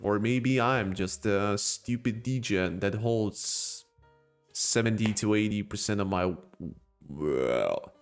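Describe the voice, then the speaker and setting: On a laid-back crypto live stream, a man with a non-native English accent answers chat in a joking, rambling way, full of laughs and restarts. He speaks slowly in a smooth, lowish voice, with faint music in the background.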